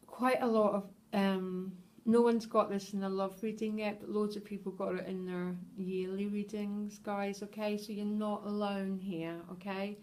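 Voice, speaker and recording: A woman's voice: mid-range voice, level tone, moderate pace, hardly any pauses, darkish tone. Earnest, emotional woman reading tarot. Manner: earnest and emotional, keeps checking in with viewers. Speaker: tarot reader. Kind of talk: tarot reading addressed to viewers.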